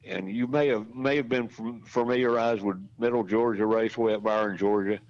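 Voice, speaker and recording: A man's voice: fairly low pitch, steady tone, brisk, a little mellow. A man in his sixties, a racetrack announcer, telling rambling, folksy stories as a podcast guest. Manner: folksy, rambling anecdotes with restarts. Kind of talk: casual storytelling in a podcast interview. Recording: dull lo-fi audio.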